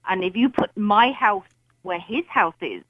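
A woman's voice: mid-range voice, animated, unhurried, no echo. A middle-aged woman with an English accent chatting casually as a caller to a radio phone-in. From England. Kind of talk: casual conversational anecdote. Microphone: telephone. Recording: dull lo-fi phone-in line.

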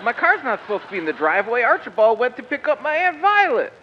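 A man's voice: very high-pitched, very animated, fast talker. A man playing a fussy, flustered well-off party host in an old-time radio drama, fretful and exasperated. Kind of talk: 1940s radio acting. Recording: muffled lo-fi sound with loud background noise.

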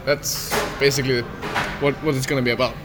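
A man's voice: medium pitch, little pitch movement, quick pace, heavy background noise. A young man hosts a casual, laid-back podcast chat over beers, swearing and dropping New Zealand slang. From Iceland. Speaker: podcast host.

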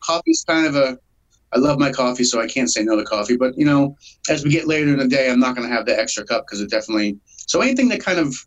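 This solo acoustic musician, a man in his forties, speaks in an animated mid-range voice at a quick pace, with the recording's highs cut off. Slightly congested from a cold, he keeps the casual interview loose with many fillers and laughs.

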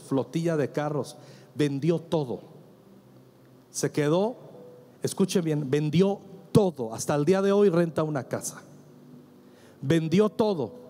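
A man's voice: a little high, expressive, measured pace, long pauses, mellow. A man preaching a sermon as a pastor, emphatic and calling on the congregation to answer him. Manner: emphatic, acts out quoted dialogue, asks congregation to answer. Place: church with congregation.

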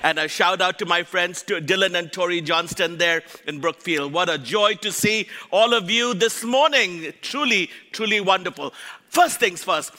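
A man from India with an Indian accent preaching in an exuberant rally-speech style, urging a church congregation on with shouted, jokey exhortations. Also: high-pitched, moderate pace. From Calcutta, India. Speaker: guest missionary preacher. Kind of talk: rally-style church sermon, calling on the crowd to cheer. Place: large church auditorium. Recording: long hall reverb from PA speakers.

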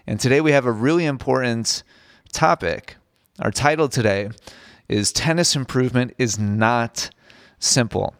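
A tennis coach hosts a solo podcast, speaking earnestly and a little slowly in a medium-pitched voice, often restarting phrases and repeating himself. Still recovering from losing his voice, he sounds slightly strained. The studio podcast mic gives clean sound with no room noise.

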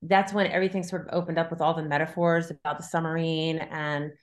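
In a relaxed interview about her writing, a middle-aged woman novelist muses aloud, her sentences winding loosely back on themselves. Her voice is deep and level, and she talks fast.

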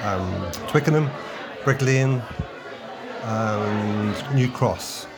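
A man's voice: on the low side, extremely slow, over music, a crowd in the background. A man hosting a casual interview, asking questions in a curious, chatty way. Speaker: interviewer, host.

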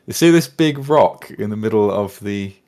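A man's voice: fairly low pitch, lively intonation, normal speed, a little mellow. A man casually recapping a tabletop battle, rambling and self-deprecating as he thinks aloud. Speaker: tabletop wargame player recapping games. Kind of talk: casual chat.

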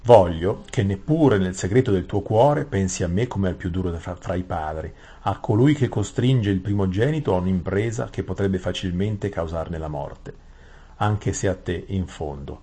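A cold, calculating old king, put on by a male narrator, speaking in slow, grave, commanding tones. The voice sits low and sounds husky and breathy. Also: warm tone.

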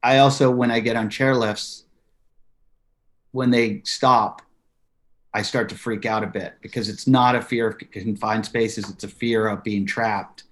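A comedian in his forties, guesting on a podcast interview, tells stories animatedly and acts out quotes. His voice is lowish and his pace measured.

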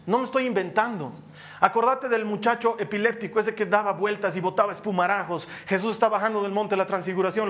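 Man, middle-aged, high voice, lively preacher who acts out his stories. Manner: animated preaching, acting out voices, dropping to a hush for prayers. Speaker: pastor. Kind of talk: sermon.

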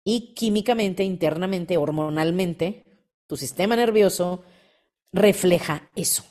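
A woman, hosting a motivational podcast and acting out quoted voices with lively energy. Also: lowish voice, unhurried. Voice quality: animated, acts out quoted voices. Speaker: podcast host.

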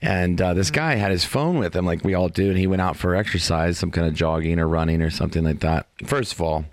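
A man with a deep, low voice chats casually as a podcast co-host. He jokes and tells long stories in an easy, relaxed way. The sound is dry and close. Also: fast talker, dry recording. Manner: relaxed, joking storyteller. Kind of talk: casual chat.

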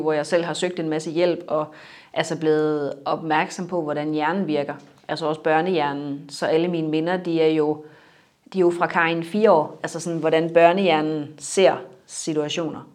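A young adult woman in a personal interview, reflective and halting, her sentences trailing off softly. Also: low voice, level tone.

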